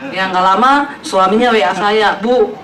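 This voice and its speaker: A woman's voice: medium pitch, a little slow. A woman pastor preaching a humorous sermon, playfully acting out the voices of people in her stories and laughing often. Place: church hall with congregation. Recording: echoey hall from far off, crowd noise.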